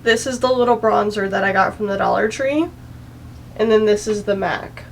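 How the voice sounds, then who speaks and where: A young woman talks her way through a makeup tutorial at home in a chatty, rambling, self-deprecating way. She sounds anxious and slightly out of breath, and her voice sits at an average pitch. Faint household noise hums behind her. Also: normal speed, rough recording. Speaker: beauty vlogger.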